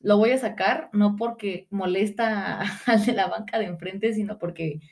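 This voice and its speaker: Woman, podcast co-host, casual rambling chat, middle pitch. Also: unhurried, vocal fry. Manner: rambling storytelling, acts out what people said.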